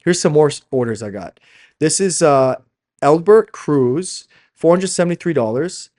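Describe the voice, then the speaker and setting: In a motivational sales video, a man who founded a fashion brand and works as a coach speaks emphatically and informally, addressing listeners as "guys" and tossing in tag questions nonstop. Slovak-speaking, he was born in Slovakia and moved to Canada young. His voice is fairly high, slightly mellow, with lively intonation at a moderate pace.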